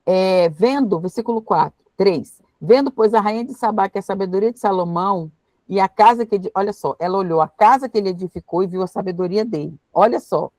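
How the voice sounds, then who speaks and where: Woman leading a casual bible study, chatty, muses out loud, dry room. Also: mid-range voice, a little fast, no room sound. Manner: chatty, thinks aloud while reading verses.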